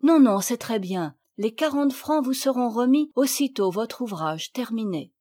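Femme qui lit une mère aristocrate tendre. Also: female voice, fairly high pitch, lively intonation, measured pace, dark tone. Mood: tender, courteous. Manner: tender, composed, courteous. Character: gentle, dignified aristocratic mother.

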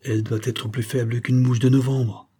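A man reading an audiobook, voicing a hearty, blustering, excitable male doctor. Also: medium pitch, normal speed, breathy edge, voice pushed up. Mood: exclaiming. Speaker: neurologist.

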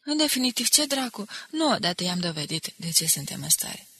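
A woman's voice: on the low side, very animated, bright, forceful tone, husky, heavily acted. A woman reading the lines of a blunt male soldier in an audiobook. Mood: gruff. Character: blunt male soldier, talking with his mouth full.

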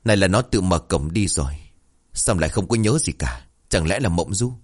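A man's voice: low-pitched, lively intonation, moderate pace, a little mellow, slightly rough. A man voicing a blunt, irritable rural policeman in a read-aloud story, speaking in a brusque, scolding way. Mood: gruff.

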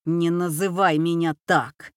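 Lady reading as a mean old gang boss lady, yelling orders, dry close sound. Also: on the low side, steady tone, slow, smooth, dry recording. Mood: furious. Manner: barking orders, shouting. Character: harsh old woman gang leader, bossy and cruel. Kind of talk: audiobook character voice.

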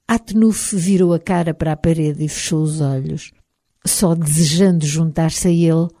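A woman with a European Portuguese accent narrating a novel in the first person, in a measured and expressive storytelling manner. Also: lowish voice, no room sound, clean studio sound. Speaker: audiobook narrator.

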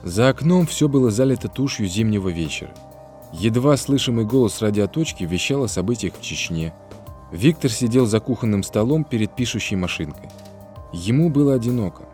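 A man reading an audiobook in a calm, even storytelling manner. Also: lowish voice, a little fast, faint music behind. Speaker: audiobook reader. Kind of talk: scripted narration.

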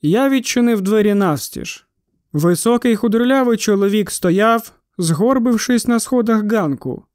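High-voiced male audiobook narrator. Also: unhurried, no echo, clean studio sound. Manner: steady storytelling. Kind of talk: scripted narration.

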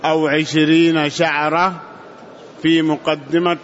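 A man reading a classical text aloud for a teacher in a lesson, halting and stumbling over names. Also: on the high side, level tone. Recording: dull lo-fi lesson recording.

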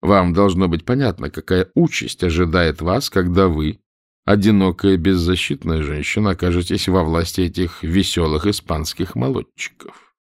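A man playing a cold, calm pirate captain who speaks with mocking irony. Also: sits low, normal speed, no echo, studio quality.

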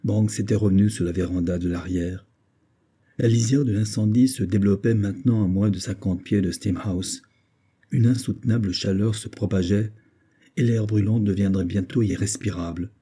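A man narrating an adventure novel in a steady, measured audiobook reading. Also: lowish voice, husky. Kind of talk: scripted narration.

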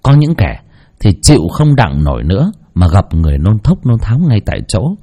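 Husky, mellow male storyteller. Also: lowish voice, fairly quick. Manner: expressive, mocking asides. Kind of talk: scripted narration of a spooky folk story.

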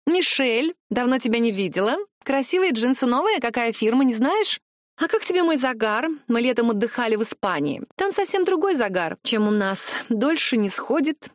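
A woman putting on a high gushing gossip. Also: very animated, normal speed, no echo, clean studio sound. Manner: chattering, boastful, prying.

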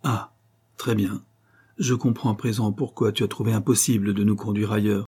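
A calm, educated father who doubts ghost stories and speaks with mild irony, as a man reads him. The tone is husky and mellow, at a middling pitch. It comes from an audiobook of a classic novel. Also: moderate pace. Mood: skeptical. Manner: calm, gently ironic. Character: educated, skeptical, kindly father.

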